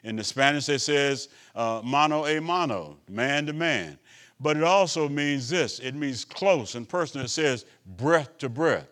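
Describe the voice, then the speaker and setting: A male bishop preaching a sermon, asking "Amen?" of the congregation, swinging between loud emphatic lines and quiet asides. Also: medium pitch, animated, unhurried. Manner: preaching with call-and-response asides.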